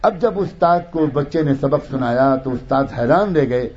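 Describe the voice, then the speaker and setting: A man's voice: mid-range voice, animated, darkish tone, slightly rough. A man telling a moral tale in an emotive, dramatic storytelling manner. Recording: dull lo-fi recording.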